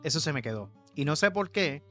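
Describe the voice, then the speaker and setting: A man in his fifties with a Puerto Rican accent, co-hosting a podcast and telling stories in a loose, animated way, laughing often and slipping English words into his Spanish. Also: on the high side, a little fast, soft background music. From Puerto Rico. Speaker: podcast co-host. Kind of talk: casual storytelling chat.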